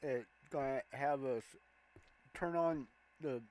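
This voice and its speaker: A man hosting a gameplay walkthrough, calmly explaining each button press step by step. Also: mid-range voice, poor audio. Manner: slow, plain step-by-step explaining of controls. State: has the hiccups. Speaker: gameplay video host.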